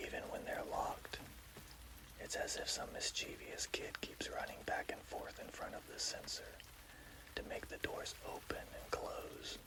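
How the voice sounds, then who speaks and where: A person telling a scary story in a hushed, slow, deliberate ASMR whisper.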